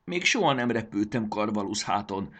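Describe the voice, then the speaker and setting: A man's voice: fairly low pitch, lively intonation, fairly bright tone, voice pushed up. A man voicing a brave, homesick young boy who speaks earnestly in a storybook reading.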